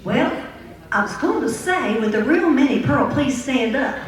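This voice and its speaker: A woman's voice: high voice, lively intonation, a little slow. A woman hosting an amateur game show parody as a prize announcer, presenting contestants and prizes to an audience. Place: large echoey room with audience. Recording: echoey room, distant mic, faint crowd.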